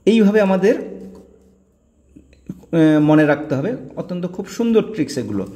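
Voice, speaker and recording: A man with a fairly high voice explains a grammar lesson, patiently repeating each word ending as a drill. His voice carries a long reverb, as if recorded in a bare, echoing room. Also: very animated, moderate pace, warm tone. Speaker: teacher.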